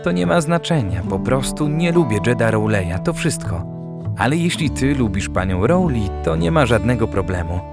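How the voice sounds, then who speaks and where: A man voicing a gentle, teasing young woman in an audiobook, in a soft, coaxing way. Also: medium pitch, big pitch swings, normal speed, creaky, loud music behind the voice.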